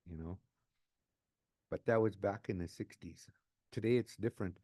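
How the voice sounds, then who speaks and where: A man in his sixties telling his own life story, unscripted and emotional, often halting and repeating words as he restarts a phrase. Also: on the low side, mellow, no echo, clean studio sound. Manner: emotional, earnest. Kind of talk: personal testimony, unscripted.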